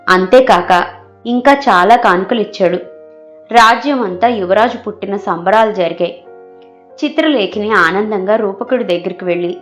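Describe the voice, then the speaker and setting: A woman narrating a folk tale in a steady, measured storytelling voice. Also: mid-range voice.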